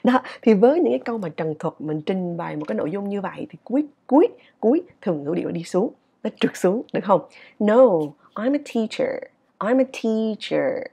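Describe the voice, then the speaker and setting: Female English teacher, husky tone, lively swooping pitch, chatty classroom manner. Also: fast, few pauses. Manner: animated, chatty, checks in with listeners often. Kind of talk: casual video lesson.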